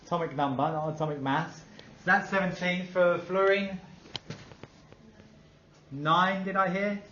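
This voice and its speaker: A man's voice: high-pitched, steady tone, a little slow, sharp tone, slight background noise. Upbeat male teacher quizzing a class. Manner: upbeat, asks the class questions and praises answers. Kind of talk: classroom lesson. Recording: dull echoey classroom recording.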